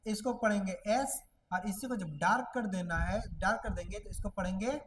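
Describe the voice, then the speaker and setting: A woman's voice: medium pitch, slight background noise, rough recording. A woman teaching a shorthand class, who explains step by step and often asks a question and answers it herself. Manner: repeats questions and answers them herself, drawn-out words.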